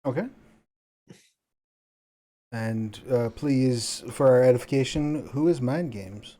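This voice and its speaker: A man acts as game master for a tabletop roleplaying game. His voice is mellow and soft-edged, at a middling pitch, as he prompts players and sets scenes. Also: slow.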